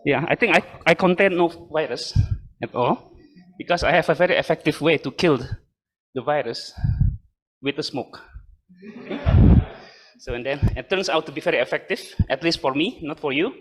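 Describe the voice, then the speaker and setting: An older man from Indonesia giving a university lecture in a room, halting with many fillers and joking asides. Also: on the high side, fairly bright tone. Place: lecture room with a live and online audience.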